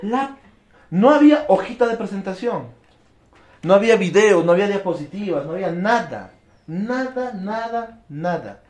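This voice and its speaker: Animated man addressing a room. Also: high voice, roomy sound. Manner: animated, acts out quick dialogues. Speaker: network marketing speaker. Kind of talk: motivational talk to an audience.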